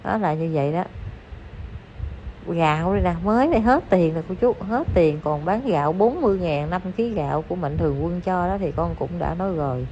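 A woman's voice: on the low side, lively intonation, brisk, darkish tone. A woman with a Southern Vietnamese accent giving chatty, scolding gossip commentary straight to her viewers. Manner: chatty, scolding, addresses listeners as aunts and uncles. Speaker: online commentator. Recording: dull lo-fi recording with faint noise.

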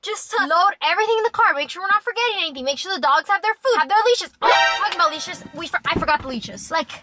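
Bubbly high-voiced young woman vlogging. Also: expressive, quick pace, over loud music. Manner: bubbly, swears casually. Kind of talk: casual vlog chat. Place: home kitchen, then car. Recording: roomy with clear background noise.

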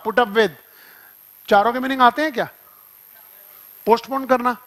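Man, Indian accent, high-pitched voice, classroom teacher, playful examples, mixes Hindi and English. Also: fairly bright tone. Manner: explains with playful examples and acted-out scenes, mixing Hindi and English. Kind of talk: classroom vocabulary lesson.

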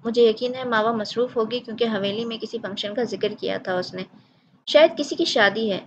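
A woman's voice: fairly high pitch, lo-fi sound, slight background noise, lightly acted. A woman as a hurt, defensive older sister. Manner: hurt, patient, explaining. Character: aggrieved middle-aged woman, defensive.

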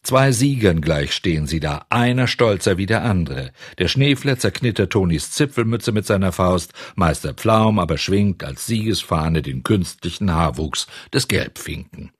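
A man reads a classic fairy tale aloud with expressive, unhurried storytelling. His voice is low and husky, with a lively, wide-ranging melody. The sound is close and dry. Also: no echo. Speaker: narrator.

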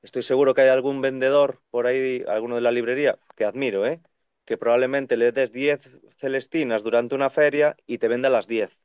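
Animated young bookseller, smooth dry voice. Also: male voice, medium pitch, brisk, no room sound. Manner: animated, talks in long runs and acts out quoted voices. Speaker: second-hand bookseller. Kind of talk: casual conversational interview. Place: bookshop with full shelves behind. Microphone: video call webcam.

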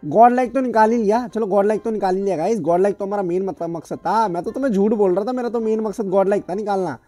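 A man hosting a gaming channel, giving excitable live gameplay commentary full of trash talk and banter. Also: high-pitched, quick pace, soft background music. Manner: excitable, trash-talking banter in Hindi-English mix.

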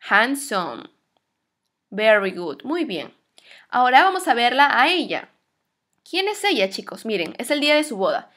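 A woman teaches an English lesson in a light, high voice. She speaks patiently, pausing to stretch out each model word so the class can repeat it. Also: a bit bright.

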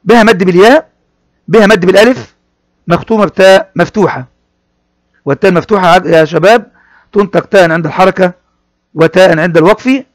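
A man's voice: sits high, fast talker, long pauses, dry recording. A man teaches a children's reading lesson. He goes word by word, repeating phrases and addressing the pupils directly. The recording is dry and close. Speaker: primary school teacher.

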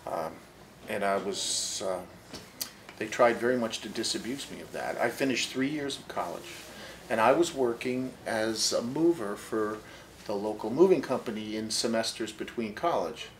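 An older man with a laid-back, wry way of talking, sitting in an armchair in a bookstore and speaking into a lapel mic. He is an author and long-haul trucker, and his stories often trail off quieter. A faint noise sits under the voice. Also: fairly low pitch, normal speed, poor audio. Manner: wry, easygoing, drifts quieter as he goes on. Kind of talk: casual interview storytelling.

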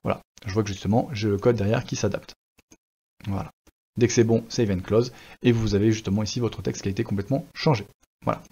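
A man teaching a screen-recorded software tutorial in a chatty way, with many fillers. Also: fairly low pitch, steady tone, quick pace, lo-fi sound. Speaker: web design instructor.

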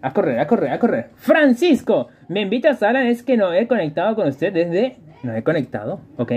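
Lively, husky-voiced streamer. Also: male voice, high-pitched, brisk. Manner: chatty, greets viewers, repeats phrases in bursts. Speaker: game streamer. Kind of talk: live gameplay stream, chatting with viewers.

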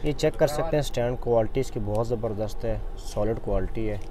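A man's voice: medium pitch, fairly quick, a crowd in the background. A man from Pakistan filming a casual market vlog, politely asking prices and repeating them back.

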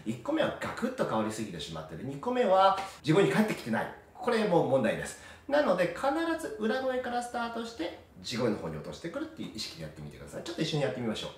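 A man's voice: fairly high pitch, wildly swooping pitch, quick pace, few pauses, echoey room, recorded from a distance. A man from Kanagawa, Japan, working as a vocal coach who explains singing exercises in a friendly way and demonstrates them. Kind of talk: instructional voice lesson.

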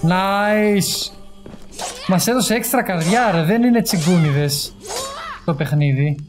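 Excitable male gamer commentating play. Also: high-pitched, faint music behind. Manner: excitable, yelps and swears in English when surprised. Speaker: gaming streamer. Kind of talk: casual gameplay commentary. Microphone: gaming headset.

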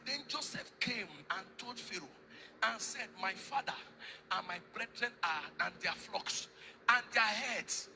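A man's voice: high voice, vocal fry, bright, forceful tone. A man preaching a sermon, reading scripture aloud and calling out verses with emphatic stress. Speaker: pastor.

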